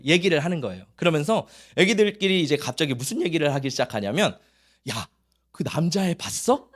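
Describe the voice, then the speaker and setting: A male pastor preaching a Sunday sermon, telling stories and acting out children's voices. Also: a little high.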